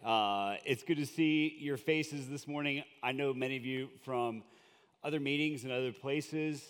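A man's voice: medium pitch, a little slow, fairly bright tone, smooth, long reverb tail. A man from Colombia preaching as a guest in a church, in a chatty, joking way with lots of fillers. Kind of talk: conversational sermon. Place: church sanctuary.

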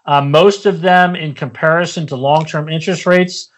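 Higher-voiced man giving measured market commentary. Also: fairly even intonation. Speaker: investment analyst guest. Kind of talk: podcast interview commentary.

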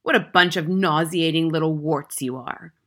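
A woman's voice: on the low side, normal speed, pushed and bright. A woman reading a storybook, voicing a gigantic tyrannical headmistress who barks contemptuous insults. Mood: disgusted contempt. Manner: barking, bellowing insults.

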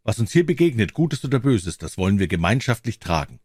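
A man's voice: lowish voice, very animated, fairly quick, a little mellow, husky, no echo. A man voicing a bold, cheeky young soldier who talks back with mockery. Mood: defiant. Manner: defiant, mocking.

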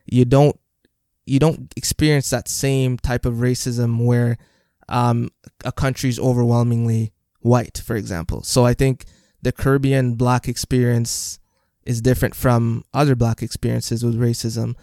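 A man from Jamaica speaking calmly and evenly about his own experiences in a panel discussion. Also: medium pitch, measured pace, dry recording, clean studio sound.

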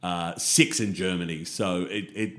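A man's voice: deep voice, steady tone, measured pace, a bit bright. A man co-hosting a casual music podcast, enthusiastic and reeling off chart positions. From Australia. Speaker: podcast co-host. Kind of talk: casual chat about 80s and 90s music.

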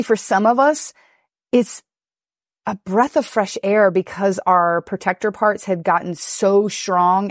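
A woman relationship coach talking in a podcast interview, animated and quick to laugh, swearing casually. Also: medium pitch, no room sound, clean studio sound.

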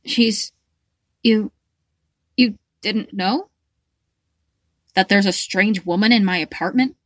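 A brash, burly young male hero, read by a woman, blunt and cocky in every line. Her voice sits at a middle pitch, recorded close and dry with no room sound. It is an audiobook reading of fan fiction. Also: slow pace, no room sound.

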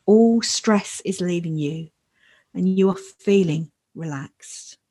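A woman leading a guided meditation in a soft, soothing, measured voice with long pauses. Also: fairly low pitch, husky. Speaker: podcast host leading a meditation.

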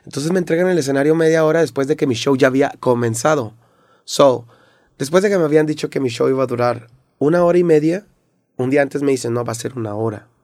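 Gravelly Mexican man telling a story. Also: medium pitch, fast, no echo, studio quality. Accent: Mexican Spanish. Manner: animated retelling with acted-out quotes. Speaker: podcast guest, rapper. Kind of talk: casual storytelling interview.

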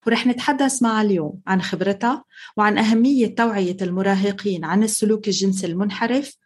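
A woman with a Levantine Arabic accent who hosts a show, reading a scripted introduction and then asking a guest clear, earnest questions. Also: medium pitch, fast talker. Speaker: host.

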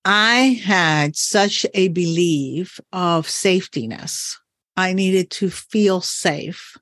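A woman's voice: on the low side, extremely slow, a bit bright, no room sound, studio quality. A woman hosting a podcast as a coach, talking thoughtfully and encouragingly with frequent laughs. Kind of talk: reflective podcast conversation.

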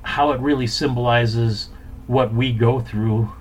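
A man's voice: mid-range voice, steady tone, unhurried, poor audio. Casual male podcast host over background noise.

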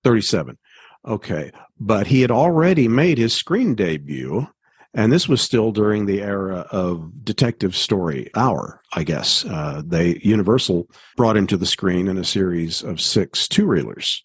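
A man's voice: on the low side, sing-song, normal speed, husky, dry recording. A man hosting a casual podcast discussion, prompting his guest and summarizing. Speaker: podcast host.

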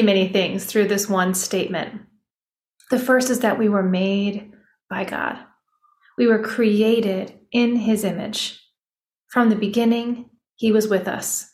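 A woman hosting a devotional podcast, lingering slowly on key words and repeating them for emphasis. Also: medium pitch, echoey room. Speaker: podcast host.

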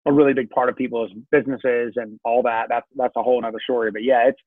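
A man's voice: medium pitch, little pitch movement, fast talker, no echo. A man with a Southern US Georgia accent, a pastor chatting casually and joking as a podcast guest over a video call. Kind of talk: casual chat. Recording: dry tinny call-quality line.

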